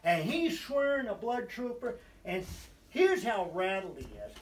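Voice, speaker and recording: A man's voice: sits high, huge pitch swings, unhurried, recorded from a distance, slight background noise. A man telling a rambling hunting story, backtracking and restarting as he goes. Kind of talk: casual hunting tale told aloud. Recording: roomy sound from away from the mic.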